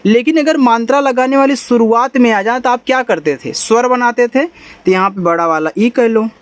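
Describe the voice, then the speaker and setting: A man's voice: extremely high pitch, no echo. A young adult man teaching a lesson step by step, patiently repeating points and checking in with his listeners. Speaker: English teacher.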